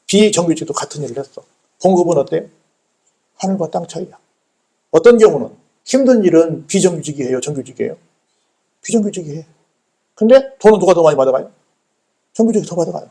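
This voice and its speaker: A man's voice: a little high, creaky, dark tone. A man, a pastor, preaching a sermon, asking rhetorical questions and answering them, repeating phrases for emphasis. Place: church sanctuary.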